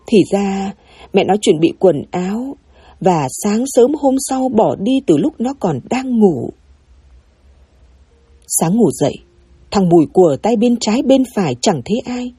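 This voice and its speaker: A woman narrating a sad story in an expressive, emotional way. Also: medium pitch, breathy edge, dry recording.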